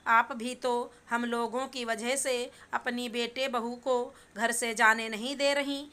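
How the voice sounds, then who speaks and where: A calm young son-in-law reasons patiently, as a woman reads him. The voice stays high, bright and smooth. The delivery is even and unhurried. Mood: reasoning. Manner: calm, persuasive. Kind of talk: storybook reading.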